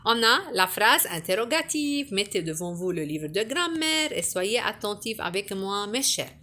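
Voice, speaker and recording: A woman teacher giving a French grammar lesson to her pupils, patient and clear, with a sing-song rise on her questions. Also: medium pitch, very animated, a little slow, sharp tone, slight background noise.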